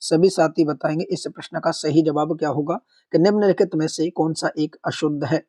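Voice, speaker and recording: A man giving an online exam-prep lecture, asking the class questions, answering them himself and slowly repeating the correct answer. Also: a little high, steady tone, dark tone, slightly rough. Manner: explains step by step, asks questions and answers them; slows down to repeat the correct form. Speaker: Hindi exam-prep teacher.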